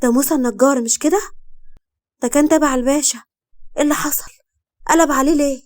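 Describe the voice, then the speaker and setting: A startled, curious young woman with an Egyptian accent, put on by a woman narrator, pitched well above the narration. She fires off questions loudly and quickly. A figure in a spoken crime story. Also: fairly even intonation, lightly acted. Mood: shocked curious.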